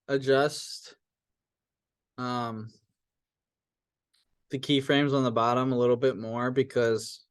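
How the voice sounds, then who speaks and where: A young man teaching a class, walking students through software steps in a casual way, with fillers and chuckles. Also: medium pitch, smooth, no room sound.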